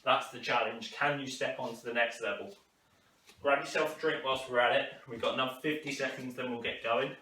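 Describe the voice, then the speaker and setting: Male fitness instructor, encouraging and instructional, medium pitch, echoey room with faint noise. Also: fairly even intonation, fairly quick, pushed and bright. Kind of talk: live workout coaching to camera. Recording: roomy, distant mic, faint noise.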